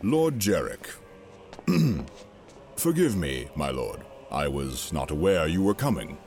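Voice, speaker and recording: A man playing a brooding, haughty imperial governor in a sci-fi audio drama, speaking in a formal, measured, theatrical way. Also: very deep voice, very animated, a little mellow, slight background noise, exaggerated voice. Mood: deferential, uneasy.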